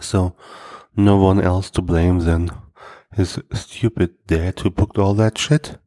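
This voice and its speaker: Slow, deep-voiced deadpan podcast man. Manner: self-deprecating, dry joke delivery. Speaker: podcast host. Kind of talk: deadpan comedy monologue.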